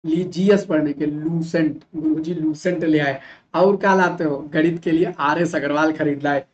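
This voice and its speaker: A male teacher from Uttar Pradesh giving an animated classroom lecture, full of rhetorical questions and mock imitations of students. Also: fairly high pitch, moderate pace, lo-fi sound. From Uttar Pradesh, India.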